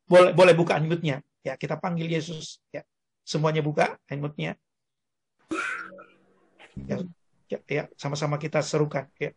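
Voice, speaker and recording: An older man, a grandfather, preaching a lively sermon on a video call and having listeners repeat after him. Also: a little high, normal speed, creaky, pauses often, breathy edge. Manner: animated, calls congregation to repeat words. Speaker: pastor.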